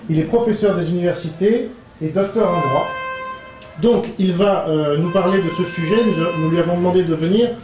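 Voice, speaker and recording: A man hosting an event and introducing the guest speaker, halting with many fillers. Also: sits high, music in the background. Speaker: event host. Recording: distant mic in an echoey hall with faint ambience.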